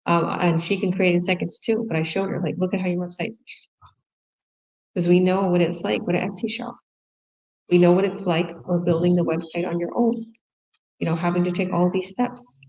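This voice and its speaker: A woman's voice: on the low side, little pitch movement, a little fast, darkish tone. Chatty enthusiastic woman, dull lo-fi sound. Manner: chatty and enthusiastic, with many restarts. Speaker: online business promoter. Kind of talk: casual sales pitch monologue. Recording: dull lo-fi recording.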